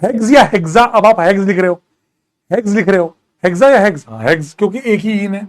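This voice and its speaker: High-voiced man teaching chemistry, mixing in English. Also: fast. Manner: Hindi-English mix, scolds students jokingly; reads out student questions and answers them. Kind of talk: live online chemistry class.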